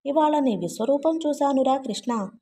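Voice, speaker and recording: A man's voice: very high voice, lively intonation, normal speed, warm tone, a little hiss or hum, voice pushed up. A woman reading a brash young man's long rambling, self-mocking speech in a storybook. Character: rambling male friend, brash and wry.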